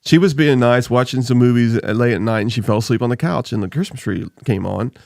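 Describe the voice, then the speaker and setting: A man's voice: medium pitch, fast talker, creaky, darkish tone, dry recording, studio quality. A man hosting a podcast, chatting casually and rambling, often laughing. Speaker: podcast host. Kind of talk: casual chat. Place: home. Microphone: desk microphone.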